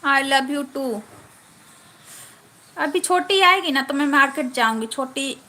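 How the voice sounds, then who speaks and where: A woman's voice: high-pitched, lively intonation, slow, pushed and bright. A woman hosting a casual live stream from home on a phone camera, chatting and thanking viewers one by one.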